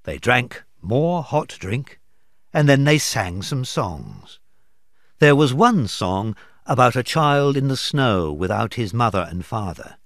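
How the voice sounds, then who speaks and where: A man, an English teacher, reading a storybook aloud slowly and expressively for learners. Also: medium pitch, very animated, no echo, clean studio sound.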